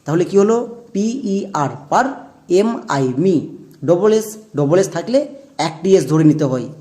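A man's voice: sits high, expressive, measured pace, mellow. A man teaching English spelling and pronunciation, spelling words out letter by letter and asking rhetorical questions.

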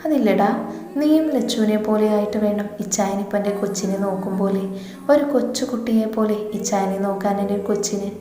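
A woman's voice: medium pitch, brisk, dark tone, close to an everyday voice. Woman voicing a sulky, doting young man. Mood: cajoling. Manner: cajoling, grumbling. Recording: echoey room with long reverb.

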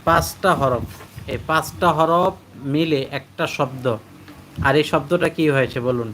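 Man drilling Arabic letters in a bright voice. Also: a little high, slight background noise. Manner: patient, repeats letters and syllables slowly to drill pronunciation; reads out students' answers and praises them. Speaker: Quran teacher. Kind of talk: live online class.

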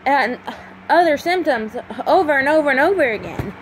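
A twenty-five-year-old vlogger shares a confessional personal video from a small room at home at night, speaking into a phone right by her face. Her high, expressive voice comes out emotional and halting, with frequent pauses and fillers. The recording is rough, and a running fan hums faintly in the background.

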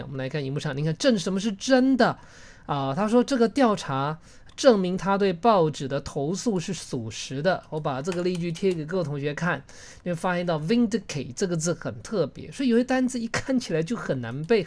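A woman's voice: fairly low pitch, lively intonation, fairly quick, darkish tone. A woman with a Taiwanese Mandarin accent teaching English in a live online class, coaxing students along and prompting them word by word. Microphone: video call.

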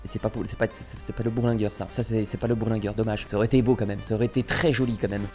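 A man's voice: fairly low pitch, level tone, racing, darkish tone, faint music behind. A young man commentating his gameplay in a casual, slangy way, chatting and joking with viewers. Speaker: gaming YouTuber.

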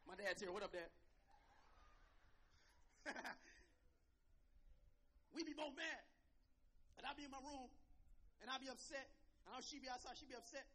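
A male co-pastor delivers a storytelling sermon with a high, bright voice. He keeps it animated and funny, tossing questions out to the congregation. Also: moderate pace, pauses often, husky. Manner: animated, humorous, call-and-response with the congregation.

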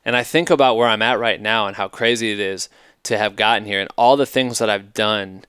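Thirties male podcast host, emphatic swearing monologue, lowish smooth voice, close dry headset sound. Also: steady tone, a little fast, fairly bright tone, no room sound. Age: 30s. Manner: profane, emphatic, rambling. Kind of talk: casual advice monologue. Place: hotel room at night, indoors. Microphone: headset mic.

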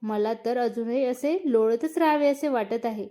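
A woman's voice: fairly high pitch, moderate pace, dark tone, natural voice. A woman voicing a shy, nervous young wife who speaks timidly in a read-aloud story. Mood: soft. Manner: timid and hesitant.

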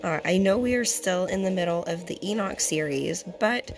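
A young woman with a hoarse, partly lost voice, giving a religious teaching as host and often clearing her throat. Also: lowish voice, expressive, moderate pace. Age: young adult. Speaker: fellowship host and Bible teacher. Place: small indoor room. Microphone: phone at arm's length.

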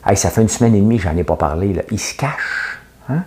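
A man's voice: fairly low pitch, very fast, dark tone. A middle-aged man with a Québécois accent giving a casual, opinionated monologue as the host of his own show, joking and sarcastic, full of "tu sais". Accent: Québécois French. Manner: chatty, sarcastic, jokes at his own expense, frequent "tu sais". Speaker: host of a daily commentary show.

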